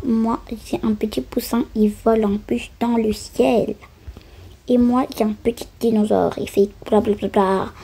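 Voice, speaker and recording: A woman acting out a doll-play story, switching quickly between the lively voices of many children and grown-ups. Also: fairly high pitch, slightly rough. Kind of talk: acted-out doll play voicing many characters.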